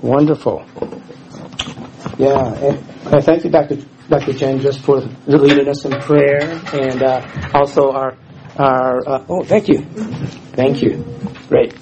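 With a steady tone and a slightly slow pace, the former missionary from Houston, Texas delivers an informal guest sermon in a church hall. He's middle-aged, his mid-range voice is scratchy, and he pokes fun at himself while frequently starting sentences over.

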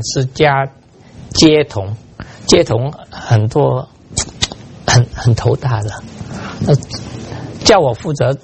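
An older male pastor preaching with a gravelly, creaky voice at a middling pitch. He tells his stories with animation, drops in English words and chuckles at his own misfortunes. A faint hiss sits under the recording. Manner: animated storytelling, mixing in English words, laughing at himself. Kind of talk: sermon with personal stories.

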